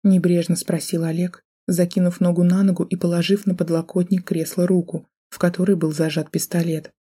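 A woman's voice: on the low side, level tone, brisk, mellow, breathy edge. A woman narrating a novel in the first person, telling it in a tense, emotional way. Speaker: audiobook narrator.

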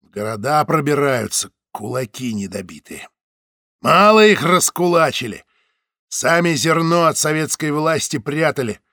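A man reading an audiobook, voicing a coarse male secret-police guard who is loud, bossy and scornful. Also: on the high side, lively intonation, normal speed, no echo, clean studio sound.

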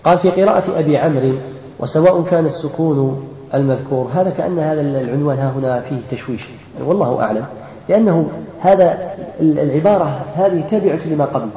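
Algerian sheikh teaching a class, kinda high but mellow voice, chants examples, echoey hall. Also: male voice. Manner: explains slowly, chants example words, quizzes students. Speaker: sheikh teaching Quran recitation. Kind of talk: classroom lesson with students.

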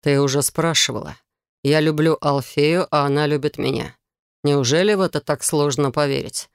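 A woman voicing a composed young prince who talks calmly and evenly in an audiobook. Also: sits low, clear, resonant tone, no room sound, clean studio sound. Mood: calm, cool. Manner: calm, measured.

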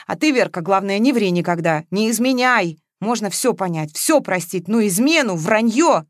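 A woman's voice: mid-range voice, lively intonation, moderate pace, dry recording, studio quality, close to an everyday voice. A woman reading a story aloud, voicing a jealous man who pours out heated reproaches to his lover. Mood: hurt accusing.

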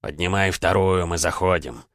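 A worn-out, gruff adventurer who talks bluntly and defends himself, as an audiobook narrator plays him. The voice sits deep and low. The sound is dry and close to the mic. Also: male voice, normal speed, a bit bright, no echo. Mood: weary.

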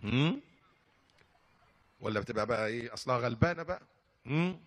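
An older man with an Upper Egyptian Arabic accent preaches a sermon, telling lively stories and jokes with plenty of humor and laughter. He speaks at a medium pitch in a brisk manner.

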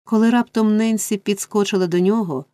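A woman reads a classic story aloud in an even, steady narrating voice. Her tone is mellow and warm. The recording is dry and close. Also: mid-range voice, brisk, no room sound. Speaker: audiobook narrator. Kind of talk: scripted narration.

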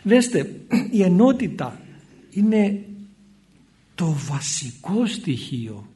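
A man's voice: high voice, sing-song, dark tone. A male Orthodox priest giving a spoken sermon in a conversational way, acting out short exchanges between people. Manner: conversational, acts out little dialogues in shifting voices.

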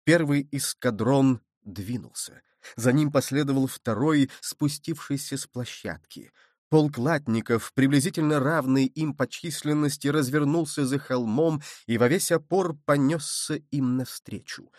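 A man narrates an adventure novel as an audiobook, steady and dramatic. His voice sits at a middling pitch. The recording is close and dry. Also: measured pace, dry recording.

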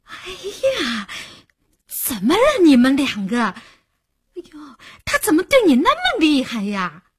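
A woman voicing a nosy, lively young female roommate who fusses and teases. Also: high-pitched, slow, pitched above the performer's own voice, exaggerated voice. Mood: alarmed. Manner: fussy, teasing, exclamatory.

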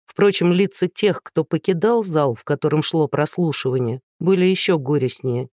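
A man with a fairly high voice narrates an audiobook, steady and lightly ironic. The recording is dry and close, with no room sound. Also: normal speed, no room sound. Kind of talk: scripted narration.

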